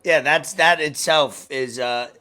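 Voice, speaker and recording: Man, thirties, raspy, hoarse, sports podcast host, informal halting delivery. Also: fairly high pitch, sharp tone. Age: 30s. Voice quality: raspy, worn voice. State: hoarse from partying. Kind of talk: casual sports chat.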